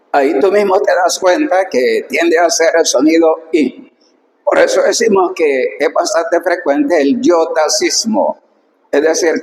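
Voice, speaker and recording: A man with a fairly high voice teaches slowly and patiently, repeating each sound and stressing what matters. His voice rings in an echoey room with a long reverb tail. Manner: slow, repeats words and stresses key points. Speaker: Biblical Greek teacher. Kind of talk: recorded lesson explaining slides.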